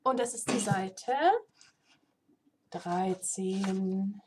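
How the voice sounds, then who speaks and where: A woman reading aloud from her own book in a chatty way, pausing to roll dice and chat. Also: mid-range voice, steady tone, background noise. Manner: chatty, self-interrupting.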